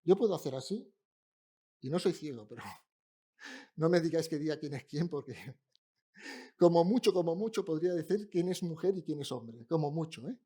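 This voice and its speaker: A man delivers a sermon in a church, chatting with the congregation in a humorous, easy way. His voice is somewhat husky, with a lively, swinging pitch. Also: moderate pace, pauses often. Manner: conversational, humorous, addresses congregation. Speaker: pastor preaching. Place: church in Barcelona.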